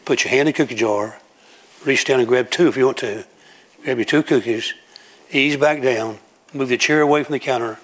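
Speaking fairly quickly in a medium-pitched voice, a man preaches to a congregation in a church room. He tells homely stories and acts out everyday scenes.

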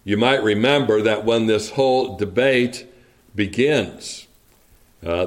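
A male preacher delivering a sermon at an unhurried, deliberate pace. He reads scripture and then reflects on it, pausing to ask his listeners rhetorical questions. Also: medium pitch. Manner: slow, measured, reflective delivery with rhetorical asides.

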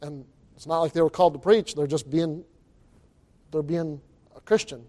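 Man, high-pitched voice, pastor, informal sermon, emphatic, folksy wording, repeated phrases. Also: moderate pace, dark tone.

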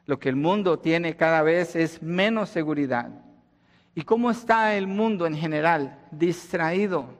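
A man's voice: on the high side, a little slow. A man from Colombia preaching a sermon in a conversational way, asking rhetorical questions and rising in emphasis. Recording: long hall reverb.

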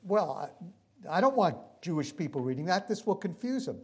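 A man's voice: high-pitched, big pitch swings, moderate pace, darkish tone. A man voicing an argumentative, dismissive male rabbi in a story.

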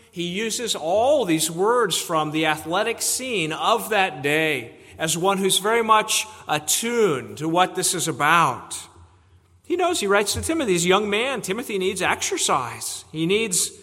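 A man preaches in an earnest, emphatic way, circling back to repeat his key phrases. His voice is bright and sits a little high. It rings with the long reverb of a church hall. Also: animated, measured pace. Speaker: pastor. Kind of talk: sermon.

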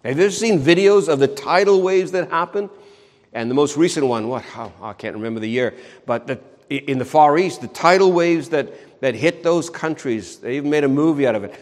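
A man preaching a sermon with a slightly raised pitch. He talks earnestly, slows down on key phrases and repeats words to press them home. His voice carries a long reverb, as in a hall. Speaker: pastor.

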